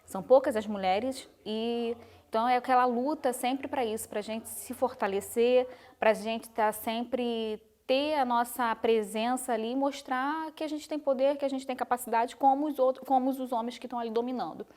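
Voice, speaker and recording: A woman from Brazil speaks as an interview guest, reflective and earnest as she tells her story. Her voice is somewhat high. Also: steady tone, normal speed, darkish tone. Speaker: guest, carnival designer. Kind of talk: interview conversation.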